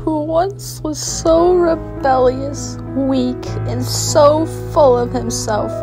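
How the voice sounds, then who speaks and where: A woman voicing a proud, tender mother in an animated series. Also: high voice, takes it slowly, over music. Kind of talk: animated web series dialogue.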